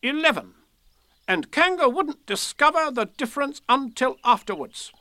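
A man's voice: very high-pitched, no room sound, voice pushed up, exaggerated voice. A man voicing a bossy, self-important male rabbit who loves making plans, in a storybook reading. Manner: brisk, self-important, lively. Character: bossy clever male rabbit, brisk planner.

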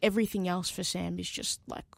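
A woman's voice: fairly low pitch, steady tone, a little fast, vocal fry, no echo. A woman co-hosting a podcast, chatting casually about sport. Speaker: podcast co-host.

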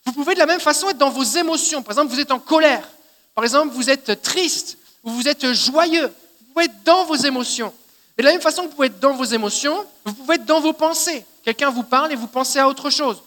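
A man with a Québécois French accent preaches a sermon in a high, bright and sharp voice. He teaches in a chatty way and keeps checking that his listeners follow. His voice rings with a long reverb, as in a church hall. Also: a little fast. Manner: conversational teaching, often checking in with "d'accord?". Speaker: pastor.

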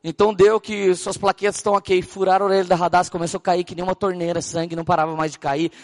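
A Brazilian man preaching as a pastor, telling stories with animated acted-out dialogue. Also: sits high, fast. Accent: Brazilian Portuguese. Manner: animated storytelling, acting out dialogue. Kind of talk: sermon.

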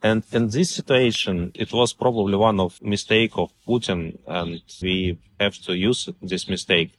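Male interviewee, Russian accent, lower register, halting non-native phrasing, recorded outdoors with light background noise. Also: a bit bright. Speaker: newspaper editor being interviewed. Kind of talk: interview conversation. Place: outdoor park bench.

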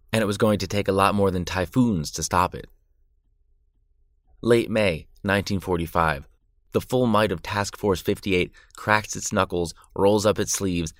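A man's voice: deep voice, no room sound, studio quality. A man narrating war history from a script, dramatic with an irreverent edge. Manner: dramatic yet irreverent storytelling.

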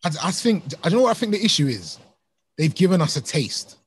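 A man's voice: sits high, sing-song, fast, husky. A man talking informally and emphatically in a casual discussion, often repeating his points.

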